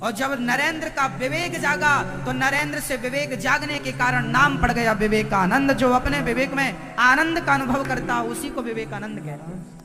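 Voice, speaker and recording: High bright-voiced male preacher, echoing hall. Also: normal speed. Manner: storytelling, rhetorical questions to the crowd. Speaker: spiritual preacher. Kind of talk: devotional sermon. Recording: long hall reverb with faint music.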